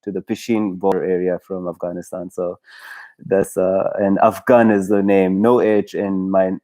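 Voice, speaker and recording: A man talks in a casual solo livestream, his voice sitting a little low. He rambles and hesitates, stacking fillers and restarts and breaking into laughs as he goes. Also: flat delivery, normal speed, mellow. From Pakistan. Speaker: YouTube livestream host.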